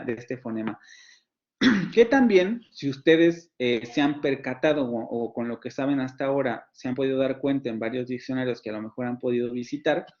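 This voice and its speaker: A man's voice: mid-range voice, a little mellow. Mexican man lecturing on phonetics, muffled. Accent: Mexican Spanish. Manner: explanatory, repeats example words slowly, frequent fillers. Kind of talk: online lecture to students.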